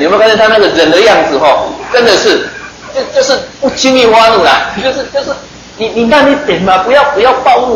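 A man's voice: medium pitch, a bit bright, reverberant, slight background noise, rough recording. A man preaching a sermon in a chatty, joking way, often putting questions to his listeners.

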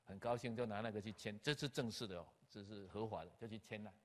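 Older pastor in a reverberant hall. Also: male voice, lowish voice, fast talker. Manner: animated, acts out dialogue, scattered English terms. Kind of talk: personal storytelling.

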